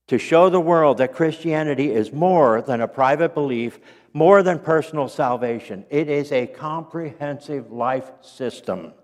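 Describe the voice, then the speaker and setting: A man teaching a Sunday school class, reading quotations aloud in an earnest, unhurried way and stopping now and then to clear his throat or correct himself. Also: medium pitch, long reverb tail. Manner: corrects himself mid-sentence. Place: church.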